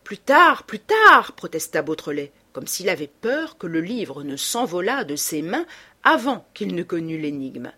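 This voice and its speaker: A woman reading a classic novel aloud with expressive, dramatic delivery. Her voice is slightly husky and swings widely in pitch. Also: normal speed. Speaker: audiobook narrator. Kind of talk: storybook narration.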